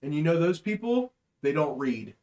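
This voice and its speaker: High-voiced joking man in echoey room. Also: normal speed. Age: 20s. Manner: animated, teasing, builds up to jokes. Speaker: podcast co-host. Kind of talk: casual chat.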